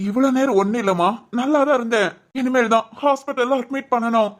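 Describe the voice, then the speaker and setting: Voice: mid-range voice, brisk, natural voice. Voice actor doing a puzzled teasing cartoon young man. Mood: exasperated. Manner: exasperated, teasing, talks to himself. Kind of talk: Tamil cartoon voice acting.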